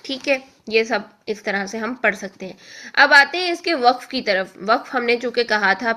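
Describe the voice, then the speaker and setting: A woman teaching a recorded lesson on reading the Quran, explaining patiently and often checking in with the listener. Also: on the high side. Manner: draws out example syllables slowly and loudly.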